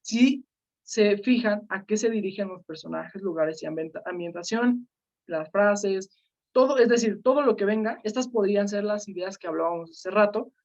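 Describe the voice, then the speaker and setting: A woman teaching an online class, calling on students by name and filling pauses with "este" and "eh". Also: mid-range voice, a little mellow. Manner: questioning students by name, many fillers. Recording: slightly dull lo-fi sound.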